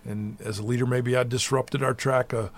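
Speaking at a medium pitch with fairly even intonation, a middle-aged man who is a college basketball head coach responds to interview questions. He's thoughtful and measured, with frequent restarts.

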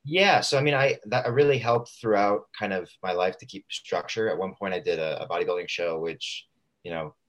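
A man from Southern California chatting casually as an interview guest, in informal, rambling, halting phrases. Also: low voice, a bit bright. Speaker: radio show guest, fitness coach.

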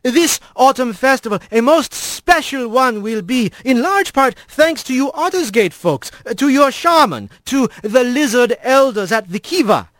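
A man's voice: extremely high pitch, animated, a little slow, few pauses, a bit bright, no room sound, studio quality, voice pushed up, heavily acted. A man doing a stately squirrel priest. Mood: ceremonious. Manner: stately, inverted word order. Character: formal male squirrel priest, ceremonious.

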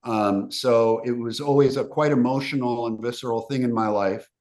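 A man's voice: mid-range voice, steady tone, moderate pace, a little mellow. A man from the former Yugoslavia, a film director, answering interview questions in an earnest, reflective, run-on manner.

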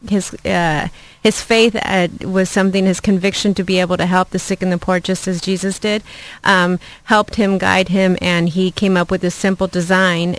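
A woman from Ecuador, a charity development officer, answering interview questions earnestly with frequent "uh" and "um" pauses. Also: on the low side, poor audio. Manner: earnest, many fillers and restarts.

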